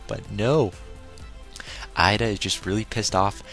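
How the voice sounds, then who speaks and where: A man giving a casual recap of an anime episode, opinionated and quick to exclaim his reactions. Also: lowish voice, fairly even intonation, gravelly, fairly bright tone, faint music behind. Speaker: anime reviewer.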